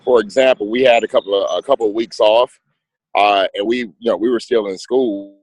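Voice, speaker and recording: A man's voice: fairly low pitch, steady tone, a little fast, no room sound, poor audio. A man asking hesitant questions in an online class, his voice cutting in and out over a video call. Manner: hesitant, many fillers and restarts. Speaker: graduate student.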